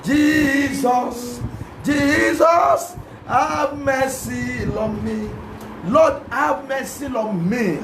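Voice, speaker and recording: A Nigerian man preaching a sermon as pastor, fervently chanting repeated prayer lines and often breaking into shouts. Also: very high-pitched, very slow. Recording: echoey room with background noise.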